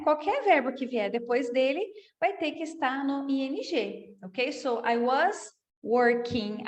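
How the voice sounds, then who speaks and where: A woman with a Brazilian Portuguese accent teaching an English lesson in a casual way, often checking in with listeners and repeating examples slowly. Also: on the high side. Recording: echoey room with long reverb.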